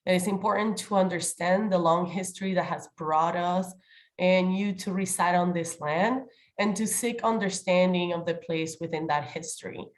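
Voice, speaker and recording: Over a remote video call, a woman chairs an online committee meeting in a formal, welcoming role. Her lowish voice is fairly even and at normal speed, slightly nasal as she gets over a cold.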